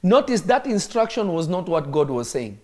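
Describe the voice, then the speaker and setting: Sing-song and high-pitched, with a slightly mellow quality, a Kenyan man preaches at a moderate pace to viewers online. His live-streamed sermon teaching is emphatic, with phrases repeated for effect.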